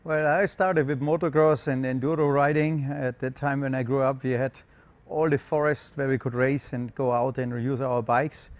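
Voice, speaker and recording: A man speaks as a guest on a racing show. He answers casually and takes his time, searching for the right words. His voice sits in an everyday middle pitch. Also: steady tone, moderate pace. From Germany. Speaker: race driver guest.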